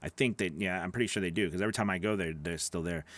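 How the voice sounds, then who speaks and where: Speaking fast with a deep, fairly bright voice and no room sound, a nasal-voiced man in his thirties hosts a casual livestream Q&A as a voice actor. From his small indoor home studio and a large studio mic on a boom arm, he chats, repeats words, and reads out viewer questions.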